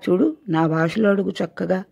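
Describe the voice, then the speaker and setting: A woman's voice: lowish voice, normal speed, gravelly, dark tone, breathy edge, dry recording, pitched above the performer's own voice. Woman doing a chummy frog. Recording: dull lo-fi recording.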